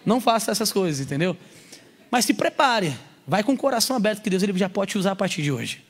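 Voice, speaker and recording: A man preaching to a congregation at a youth service. He is animated and slangy, joking and acting out little scenes as he preaches. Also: sits high, quick pace. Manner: slangy, casual street talk. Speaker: pastor. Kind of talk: sermon at a youth church service.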